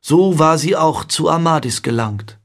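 A man's voice: on the high side, animated, measured pace, voice pushed up. A man voicing an eager ten-year-old boy. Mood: grave.

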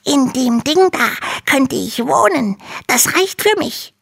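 Woman doing a storybook dragon child: very high, squeaky, tearful, timid. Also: lively intonation, takes it slowly, gravelly, full character voice. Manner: squeaky, whimpering, tearful pleading. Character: tiny timid young male dragon, lonely and pleading. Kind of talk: storybook reading.

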